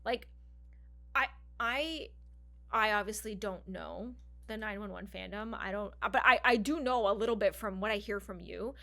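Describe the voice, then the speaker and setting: A woman co-hosting a podcast in casual chat, animated, laughing often and repeating herself. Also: mid-range voice, moderate pace, vocal fry. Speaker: podcast co-host.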